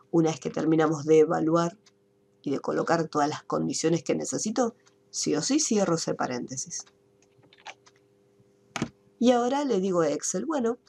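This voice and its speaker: A woman's voice: low voice, gravelly, darkish tone, slightly rough. Patient woman teaching on a video call. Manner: patient, step-by-step explaining with rhetorical questions. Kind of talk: online spreadsheet lesson. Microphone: computer mic on a video call.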